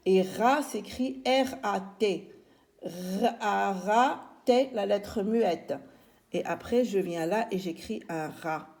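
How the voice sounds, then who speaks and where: A woman teacher walks young children through a spelling lesson, slowly sounding out syllables and naming each letter. Her voice is dark and mellow with a gravelly edge, and she speaks at an unhurried pace. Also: medium pitch. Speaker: primary school teacher.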